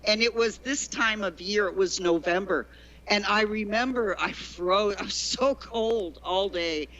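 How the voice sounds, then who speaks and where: Chatty woman, bright dull-sounding audio. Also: mid-range voice, unhurried, slight background noise. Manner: chatty, digressive storyteller with many restarts. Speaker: guest, former teacher in China. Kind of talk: conversational interview.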